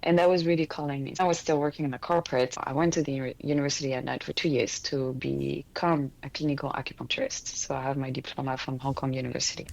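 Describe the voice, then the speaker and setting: Low-voiced woman telling her healing path. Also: steady tone, quick pace, gravelly, few pauses, darkish tone, dull audio. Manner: earnest, explains with frequent restarts and small laughs. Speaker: energy healer guest. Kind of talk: casual interview conversation.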